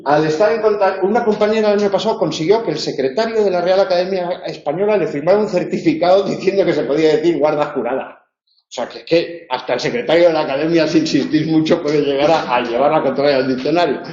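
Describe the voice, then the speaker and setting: A man's voice: a little high, quick pace, darkish tone. Man, Spanish accent, university tutor, explanatory, tag questions, echoey classroom, muffled recording. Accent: Spain. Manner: explanatory, self-correcting, frequent tag questions. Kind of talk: lecturing in a tutorial. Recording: roomy, slightly dull classroom recording.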